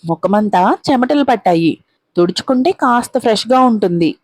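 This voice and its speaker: A woman's voice: medium pitch, animated, moderate pace, darkish tone, no echo, studio quality, close to an everyday voice. A woman voicing a kindly older female household helper, talking in a fussing, motherly way.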